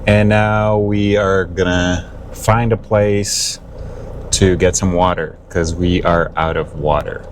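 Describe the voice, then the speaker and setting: Male vlogger, deep voice, slow easygoing delivery, rambling, filler-heavy; faint background noise. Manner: relaxed, rambling with many fillers. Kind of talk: casual travel vlog narration. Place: inside an RV and outdoors on the road. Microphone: smart glasses camera.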